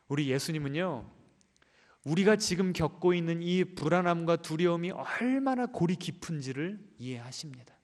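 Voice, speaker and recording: A man preaching a sermon as pastor, talking dramatically and often putting questions straight to the congregation. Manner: dramatic, animated delivery with swings in pitch and loudness. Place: church sanctuary. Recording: long reverb of a large church hall.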